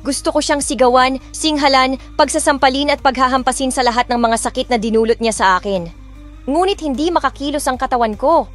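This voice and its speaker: Speaking a little fast in a high-pitched voice, a Filipino-accented woman narrates a romance audiobook in the first person and voices its heroine. Her storytelling, in Tagalog and English, is emotional yet restrained, with music playing underneath.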